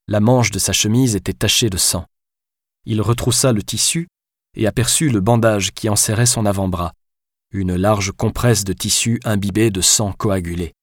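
Audiobook narrator: man, low voice, steady and measured, dry close recording. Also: dry recording. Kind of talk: scripted narration.

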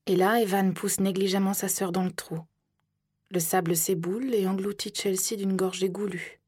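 A woman narrating an audiobook in the first person, soft and measured, often slipping into whispers. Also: mid-range voice, steady tone, slightly rough, dry recording, clean studio sound.

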